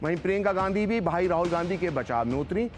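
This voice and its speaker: A man's voice: high-pitched, lively intonation, fast talker, faint music behind. A male news anchor reading a scripted political report, posing rhetorical questions with emphatic delivery.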